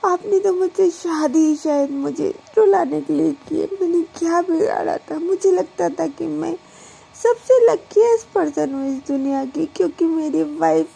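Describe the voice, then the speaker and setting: A wounded young wife, tearful and accusing, as a woman narrator puts her on. Her voice runs high yet gravelly and dark, with a husky edge. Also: very animated, slow pace, long pauses, exaggerated voice, poor audio. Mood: hurt accusing. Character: hurt weeping young wife feeling betrayed.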